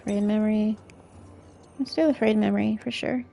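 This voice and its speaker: A woman's voice: medium pitch, steady tone, moderate pace, gravelly, warm tone, a little hiss or hum. A young woman streamer giving casual gameplay commentary, thinking aloud with hesitant fillers.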